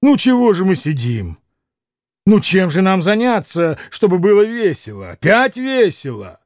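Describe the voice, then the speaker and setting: A man's voice: high voice, sing-song, measured pace, a little mellow, no echo, clean studio sound, pitched above the performer's own voice. A man reading aloud as an impulsive young man, exclaiming eagerly. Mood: excited. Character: impulsive excitable young man toasting loudly.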